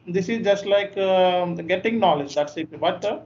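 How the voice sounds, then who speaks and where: A man's voice: high voice, normal speed, darkish tone. A man with a Telugu Indian accent talking informally to online students as their trainer, often checking in with okay and right. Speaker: software course trainer. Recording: muffled online call with background noise.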